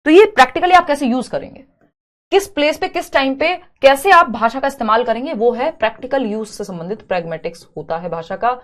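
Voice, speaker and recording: Higher-voiced woman teaching a live class. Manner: explains step by step, mixing in English terms and reading out viewer comments. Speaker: exam-prep teacher.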